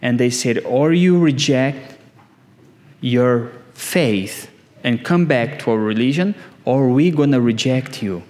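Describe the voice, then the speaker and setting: A man delivers a sermon at a very unhurried pace. His voice sits at a middle pitch and rises sharply on the words he wants to stress, in short, deliberate phrases. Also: darkish tone. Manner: slow, emphatic preaching, rising on key words. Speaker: pastor.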